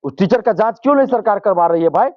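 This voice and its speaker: A man's voice: high-pitched, lively intonation, fast talker, no echo, highs cut off. A male student leader, giving impassioned interview answers and repeating phrases for force.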